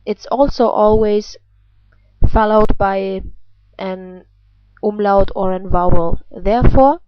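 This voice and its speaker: A woman with a German accent teaches pronunciation at an unhurried pace, showing off a throaty R in her examples. Her pitch is average for a woman. The recording is dry and somewhat dull, like a low-fidelity home lesson. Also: fairly even intonation, smooth, no room sound. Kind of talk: instructional language lesson. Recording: dull, lo-fi sound.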